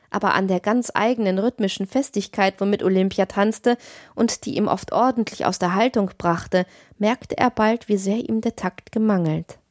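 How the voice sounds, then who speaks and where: A woman narrating a classic tale as an audiobook reader, in a measured, expressive reading. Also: mid-range voice, dry recording, studio quality.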